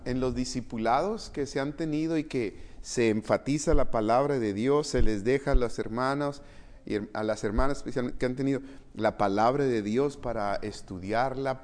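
Pastor preaching from scripture. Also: male voice, medium pitch, darkish tone. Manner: reads scripture aloud, then asks the congregation direct questions; conversational preaching with fillers and self-corrections. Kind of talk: sermon.

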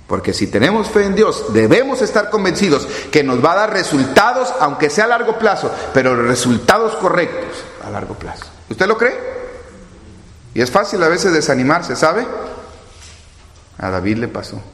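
A man's voice: fairly high pitch, sing-song, normal speed, fairly bright tone. A man preaching a sermon, retelling scripture and acting out the quotes with drama. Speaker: pastor. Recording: echoey hall with long reverb.

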